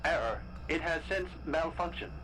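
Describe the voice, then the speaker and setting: A man voicing a malfunctioning ancient computer interface that makes flat, formal announcements and keeps glitching, breaking off mid-word and repeating errors. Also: a little high, normal speed, rough recording. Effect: glitching speech cut off mid-word.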